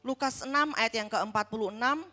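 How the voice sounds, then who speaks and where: Indonesian lady preaching a sermon, bright forceful voice, long echo in a church, hits words slow and hard. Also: fairly high pitch, faint music behind. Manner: asks the congregation questions, with slow emphatic stresses. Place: church hall.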